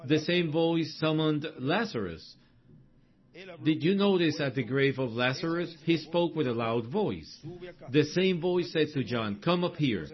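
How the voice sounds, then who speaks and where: A man delivers a sermon, reading and explaining passages from a book of quotations. He speaks deliberately, circling back to the same phrases for emphasis and tossing in short asides. The recording sounds somewhat dull and lo-fi. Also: a little high, expressive. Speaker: preacher.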